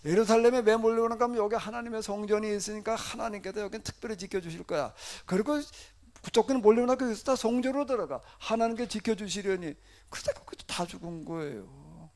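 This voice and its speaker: A man's voice: sits high, quick pace. A male pastor preaching a sermon in a conversational style, asking the congregation rhetorical questions and acting out laments.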